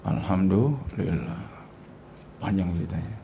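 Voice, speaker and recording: A man's voice: low voice, unhurried, creaky, warm tone, slight background noise. A man teaching a religious class, telling a story with acted-out dialogue and jokes.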